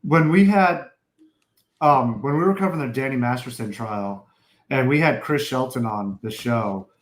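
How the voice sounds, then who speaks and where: A man's voice: medium pitch, moderate pace. A male podcast host in casual chat, rambling and often correcting himself. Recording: roomy echo.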